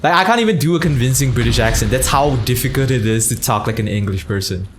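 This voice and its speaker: A young man from Malaysia rambles through a casual livestream chat, his pitch jumping around animatedly as he thanks viewers. A faint hum of room noise sits behind him. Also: animated, fast. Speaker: streamer.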